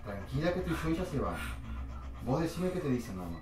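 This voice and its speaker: A man with a Rioplatense Spanish accent running a paranormal session, shifting between loud commands and soft, repeated reassurance. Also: medium pitch, fairly quick, far from the mic. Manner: commanding then soothing, repeats calming words. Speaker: paranormal investigator. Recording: echoey room with noisy background.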